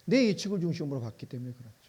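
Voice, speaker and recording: Male pastor, fairly high voice, mellow timbre; chatty sermon delivery, plays both sides of a dialogue. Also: sing-song, rapid-fire, breathy edge. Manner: conversational preaching with rhetorical questions; acts out both sides of an imagined exchange. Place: church sanctuary.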